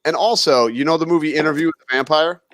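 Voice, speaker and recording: A man co-hosting a casual podcast chat in a relaxed way, often calling his co-host dude. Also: fairly high pitch, fast talker, no echo, clean studio sound. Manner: relaxed, says dude a lot.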